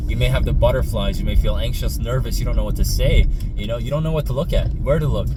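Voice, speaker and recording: A man giving casual dating coaching in a rambling, halting monologue, often repeating his words. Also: medium pitch, recorded from a distance. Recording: loud traffic noise, voice off mic. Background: loud road traffic and vehicle noise.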